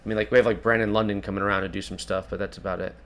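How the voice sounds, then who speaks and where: A man's voice: on the low side, little pitch movement, very fast, a crowd in the background. A man hosting a fan podcast, earnest and repeating himself as he gathers his thoughts. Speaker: podcast host. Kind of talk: casual chat.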